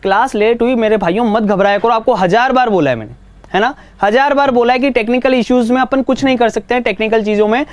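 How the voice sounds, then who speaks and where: A man teaching reasoning in a live exam-prep class, brisk and coaxing, mixing Hindi with English. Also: very high voice, dry recording.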